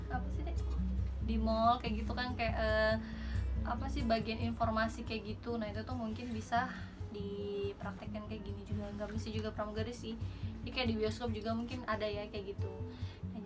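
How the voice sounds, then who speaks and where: A woman from Indonesia talks casually to her viewers in a slightly high voice. She rambles informally and corrects herself as she explains. Prominent music runs behind her. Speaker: vlogger and flight attendant giving tips. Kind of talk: casual chatty tutorial vlog.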